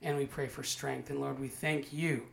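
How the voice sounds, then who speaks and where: A man leads a prayer, then hosts a podcast in an earnest, rambling way. His voice is mid-pitched and slightly gravelly. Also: steady tone, moderate pace. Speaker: pastor and podcast host.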